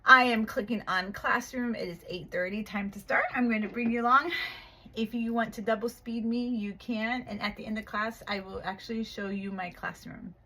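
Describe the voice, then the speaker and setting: A woman, an online English teacher, talking calmly to viewers and then teaching a young child in slow, exaggerated, cheerful speech from her home at night. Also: on the high side, a little hiss or hum.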